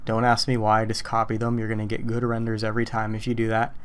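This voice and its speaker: A man's voice: on the low side, fast talker, smooth. Casual male tutorial host, voice a bit worn, talks while working, keys clacking behind. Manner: casual, relaxed, talks through steps as he works. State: losing his voice. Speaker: software tutorial instructor. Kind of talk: screen-recorded tutorial walkthrough.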